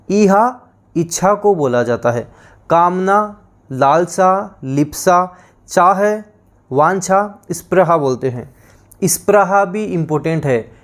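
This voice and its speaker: A male teacher giving an online exam-prep lesson, encouraging his students and repeating word lists in a drilling rhythm. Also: sits high.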